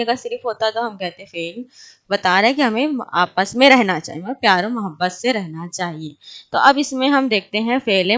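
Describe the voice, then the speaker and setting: A woman teaching an exam-prep grammar lecture, explaining step by step, asking and answering her own questions and slowly repeating example words. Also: medium pitch, a bit bright.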